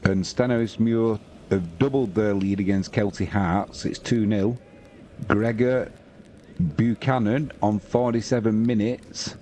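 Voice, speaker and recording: With a lowish voice and a British accent, a man in his fifties commentates and hosts a football live stream. He chats in a slow, unhurried, relaxed way and reads scores aloud, and there is slight background noise.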